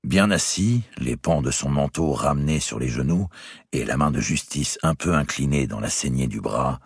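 Very deep husky male audiobook narrator. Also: no echo, clean studio sound. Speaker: audiobook reader. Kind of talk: scripted narration of a historical novel.

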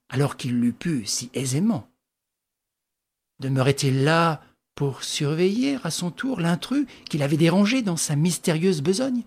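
A woman reading a classic adventure novel aloud as scripted narration, telling it dramatically with lively rises. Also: deep voice, breathy edge. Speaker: audiobook reader.

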